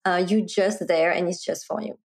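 A middle-aged woman from France with a French accent, speaking as an interview guest and explaining things clearly with a light laugh now and then. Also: lowish voice, steady tone, normal speed. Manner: articulate, explanatory, laughs lightly while talking. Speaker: guest, marketing executive. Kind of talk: conversational interview.

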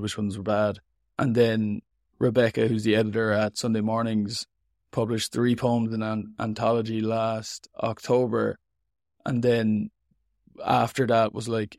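A man's voice: on the low side, darkish tone, no room sound, studio quality. A man with an Irish accent giving an interview as a writer, talking in an informal, rambling, reflective and self-deprecating way. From Ireland. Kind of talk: casual, reflective interview talk.

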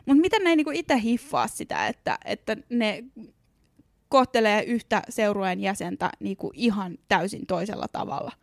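A woman's voice: medium pitch, big pitch swings, dry recording, studio quality. A young adult woman co-hosting a podcast in casual chat, talking loosely with lots of filler words and the odd swear word. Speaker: podcast co-host.

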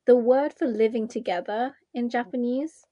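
A woman's voice: fairly high pitch, normal speed, dark tone, dry recording, muffled recording. Giggly young woman, dry close sound. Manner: rambling, giggly storytelling. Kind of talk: casual chat.

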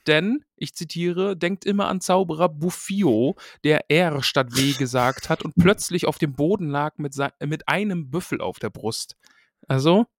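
A man's voice: fairly high pitch, unhurried, no room sound, studio quality. A man hosting a casual book-discussion podcast, chatty and reading short passages aloud.

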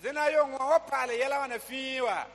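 Male interpreter, high bright tone, rhythmic echoes, long hall reverb. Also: quick pace, slight background noise. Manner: echoes each sentence, rhythmic. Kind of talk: live sermon interpretation.

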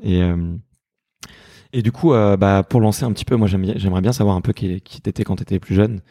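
A man's voice: fairly low pitch, steady tone, fairly quick, warm tone. A man hosting a podcast interview in a guest's living room, who asks circling, hesitant questions. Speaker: podcast host.

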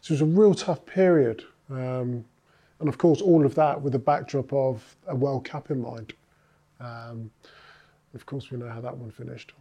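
A man's voice: medium pitch, normal speed, warm tone, slightly rough. A man, a former rugby player, recounting his career in a casual interview, thoughtful and full of filler sounds.

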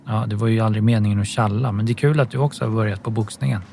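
A man's voice: fairly low pitch, fairly even intonation, creaky, darkish tone, slight background noise. A man reading an audiobook, voicing a hesitant, guarded teenage boy.

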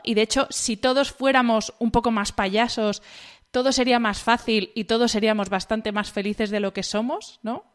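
A woman podcast host with a Spanish accent, asking long, carefully framed interview questions. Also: on the high side.

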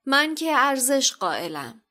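A man's voice: very high-pitched, sing-song, sharp tone, pitched above the performer's own voice, heavily acted. A woman reading as a cold haughty nobleman. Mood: scolding. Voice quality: cold, curt, disdainful. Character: cold haughty aristocratic father.

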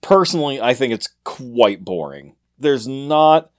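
A man co-hosting a board game podcast, telling dad jokes deadpan and then talking through his thoughts in a halting, casual way. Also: medium pitch. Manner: deadpan joke-telling, halting when thinking. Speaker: podcast co-host. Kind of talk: casual chat.

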